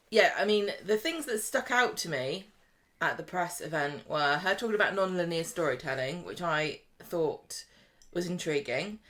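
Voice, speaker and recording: A woman with a lowish, fairly bright voice co-hosts a casual podcast chat. She's chatty and laughs easily, restarting her sentences often.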